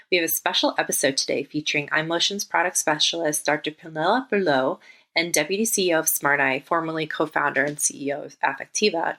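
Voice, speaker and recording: A woman's voice: low-pitched, sharp tone. A woman reading a polished, scripted introduction as a podcast host.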